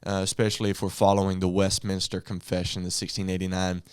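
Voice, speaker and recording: A man's voice: deep voice, completely flat delivery, fast, clean tone, dry recording, clean studio sound. A man co-hosting a podcast, reasoning through a book in loose, thoughtful casual talk. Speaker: podcast co-host. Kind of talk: casual theology discussion.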